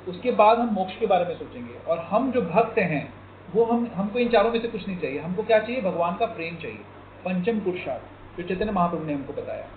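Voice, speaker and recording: A man giving an informal spiritual talk to a small group. He tells a parable and acts out its characters with animated voices. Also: sits high, roomy sound, narrow, tinny audio, a little hiss or hum. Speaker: devotee speaker guiding a group.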